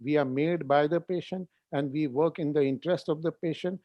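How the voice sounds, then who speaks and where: A senior neurosurgeon, insistent and lecturing in a heated panel discussion, repeating phrases for emphasis. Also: male voice, on the high side, steady tone, brisk, no echo, lo-fi sound.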